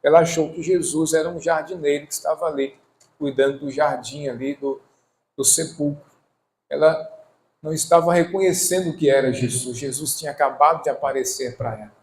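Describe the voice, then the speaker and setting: A man preaching a sermon as pastor, reading scripture slowly and emphatically and calling for responses. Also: a little high, fairly even intonation, darkish tone. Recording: echoey room.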